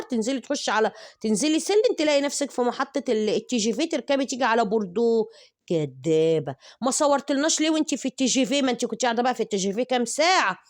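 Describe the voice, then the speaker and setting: A woman's voice: a little high, no room sound, clean studio sound. A woman with an Egyptian accent gives mocking commentary and keeps taunting and insulting the person she talks about. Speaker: commentary vlogger.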